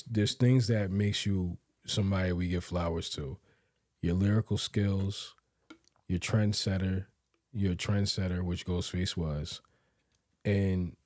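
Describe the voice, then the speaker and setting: A man co-hosting a podcast in casual chat, relaxed and agreeable, often backing up his partner with short affirmations. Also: lowish voice, dry recording, clean studio sound. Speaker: podcast co-host.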